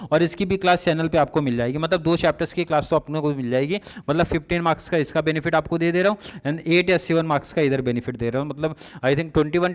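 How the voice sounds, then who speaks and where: A young male teacher talks through exam revision in a relaxed, chatty way, stopping often to check that his students are following. His voice sits a little high for a man. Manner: casual, repeatedly checks understanding with students.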